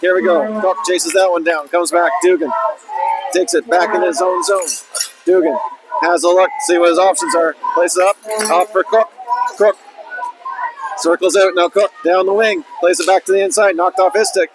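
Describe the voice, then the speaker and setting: A man with a fairly high voice calls a hockey game live, clipping off each pass and player in quick bursts. Faint street-like ambience sits in the background of his commentary. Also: steady tone, background noise. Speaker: play-by-play commentator. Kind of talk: live ice hockey play-by-play.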